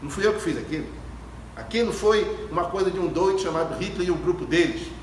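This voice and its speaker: A high-sitting male voice speaks quickly as a Spiritist gathering's lecturer shares reflective spiritual stories with an audience, emphasizing them through repeated phrases and rhetorical questions. The setting is an ecumenical hall. Recorded on a distant phone camera, the sound is echoey with clear background noise.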